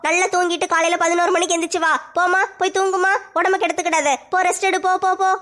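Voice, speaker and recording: A woman playing a scheming, sharp-tongued mother-in-law in a comic family sketch. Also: very high voice, level tone. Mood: sly. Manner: scolding, sly, fast-talking. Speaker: comedy sketch actor.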